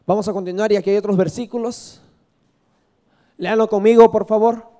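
A man's voice: high voice, fairly even intonation, a little fast, dark tone. A man from Peru preaching a sermon, telling a personal story and asking the congregation questions, often adding "¿verdad?".

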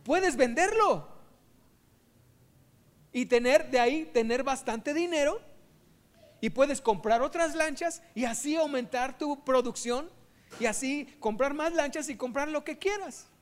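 A man's voice: very high-pitched, very animated, normal speed, pitched above the performer's own voice. A man doing a pushy university-educated man. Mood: insistent. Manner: insistent, rising to loud exclamations.

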